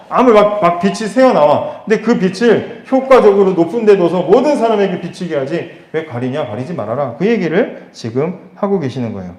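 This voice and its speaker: Man, pastor, conversational sermon, rhetorical questions, slightly high voice, roomy echo. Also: darkish tone.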